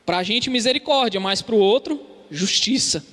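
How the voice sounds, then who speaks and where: A man's voice: sits high, lively intonation, moderate pace, fairly bright tone. A man with a Brazilian Portuguese accent preaching an earnest expository sermon in a church hall, calling his listeners brothers. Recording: long hall reverb.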